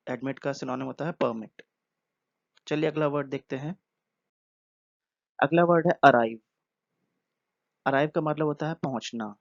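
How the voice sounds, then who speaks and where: A man giving a word-by-word vocabulary lesson, patient, repeating each word and explaining it slowly. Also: medium pitch, vocal fry, dry recording. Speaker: English vocabulary teacher. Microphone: earphone mic. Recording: dull lo-fi earphone recording.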